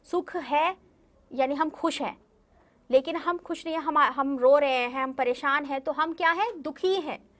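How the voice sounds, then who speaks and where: High-voiced woman teaching young children. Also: a little slow. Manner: patient, repeats herself, asks the children questions. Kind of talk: online class lesson.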